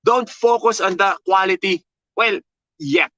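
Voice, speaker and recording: In a motivational webinar, a loud Filipino-accented man who coaches content creation speaks emphatically and with high energy, repeating key phrases and regularly asking "okay?" and "all right?" His voice is creaky and a little slow. The audio is dull, with no echo.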